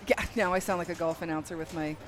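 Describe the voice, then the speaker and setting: A man doing color commentary on a live tournament, easygoing and joking, often chiming in with quick agreements. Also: a little high, steady tone.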